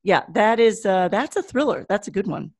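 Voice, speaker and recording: A woman's voice: mid-range voice, expressive, normal speed, darkish tone, breathy edge, dry recording. Middle-aged woman, Michigan Great Lakes accent, podcast co-host, casual chat, dry close recording.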